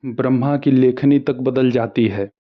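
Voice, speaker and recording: Guy teaching mantras, chants them slow and steady, kinda muffled lo-fi audio. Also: medium pitch. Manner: slow measured chanting of Sanskrit verses. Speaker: spiritual teacher. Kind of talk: devotional instruction with mantra recitation.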